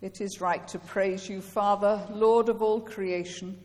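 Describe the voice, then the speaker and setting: A woman's voice: mid-range voice, steady tone, darkish tone. Woman priest with cathedral echo. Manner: measured, solemn intoning. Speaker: priest leading communion. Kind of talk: reciting a liturgical prayer. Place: large church. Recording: long church reverb.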